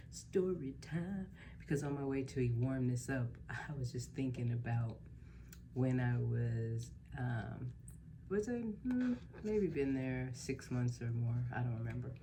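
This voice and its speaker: A woman's voice: very deep voice, noisy background. A middle-aged woman telling a story in a casual, chatty vlog style, acting out what people said. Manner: chatty, animated when quoting people. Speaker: mukbang vlogger.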